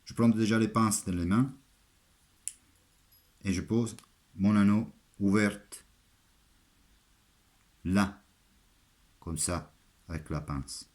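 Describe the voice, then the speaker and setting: Speaking French with an Italian accent, an Italian man in a lowish, slightly mellow voice demonstrates his armourer's craft step by step. His explanation is halting and built from short, repeated phrases.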